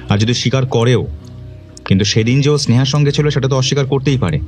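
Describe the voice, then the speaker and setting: A man plays an authoritative police detective who questions people in a firm, measured way. His voice sits at an ordinary middle pitch. Soft background music plays under the scene in this audio drama. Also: lightly acted. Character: commanding male police detective.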